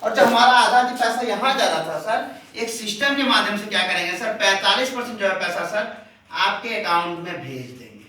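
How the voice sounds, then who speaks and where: A man's voice: sits high, expressive, moderate pace, bright, forceful tone. A man presenting a sales seminar to an audience. He calls his listeners "sir" again and again and keeps asking them questions. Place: large echoing room with an audience. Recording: very echoey room, voice far from the mic.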